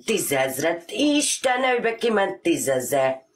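Woman, lively swinging pitch, sarcastic, swearing, roomy echo, heard from across the room. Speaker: wife. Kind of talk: heated family livestream. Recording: echoey and far from the mic.

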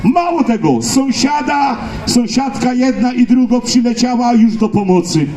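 Animated Silesian-accented man, high-pitched stage storyteller. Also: measured pace. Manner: folksy, exclamatory, repeats phrases, addresses the crowd. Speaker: stage entertainer and singer. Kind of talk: comic storytelling to a live audience. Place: live stage at a picnic event. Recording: echoey live PA with music.

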